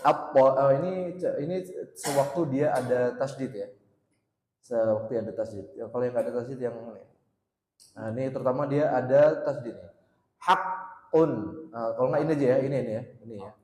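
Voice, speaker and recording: Man teaching in an echoey mosque hall. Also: mid-range voice. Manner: drills sounds by repeating them slowly and loudly. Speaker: Quran recitation teacher. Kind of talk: mosque study-circle lesson.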